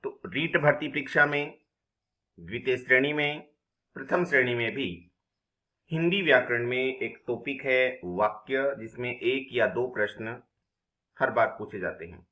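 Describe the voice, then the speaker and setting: Man, teacher, exam-prep grammar lesson, bright voice, roomy echo, asks and answers his own questions. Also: medium pitch, measured pace. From India.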